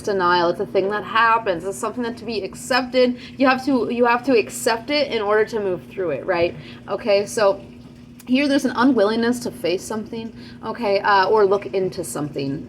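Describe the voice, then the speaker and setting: A woman's voice: mid-range voice, a little hiss or hum. A woman giving a casual channeled tarot reading to camera, chatty, with many fillers and frequent check-ins with her listeners. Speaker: tarot reader.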